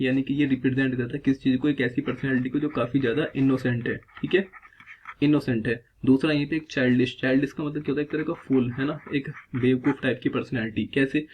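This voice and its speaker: A man's voice: mid-range voice, dull audio, a little hiss or hum. A man teaching a vocabulary lesson, explaining word by word and asking himself questions as he goes. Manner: repeats "theek hai" and asks himself questions as he explains. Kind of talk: explanatory lesson in Hindi mixed with English terms.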